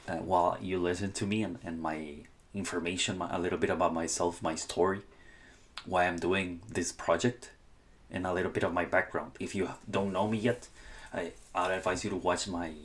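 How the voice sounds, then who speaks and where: A low-pitched young man from Honduras, Spanish his first language, talks to his viewers in a relaxed podcast style. He hesitates often, backing up to restart phrases and correct slips. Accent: Spanish-speaking Honduran. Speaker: channel host. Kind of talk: casual podcast-style advice talk.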